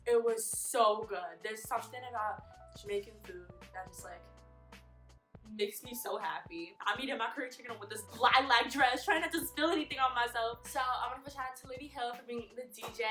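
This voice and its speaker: Teen girl, storytime vlog, animated and giggly, fairly high voice, echoey room, music underneath. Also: a little fast. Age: teens. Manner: animated, giggly retelling with breathless bursts.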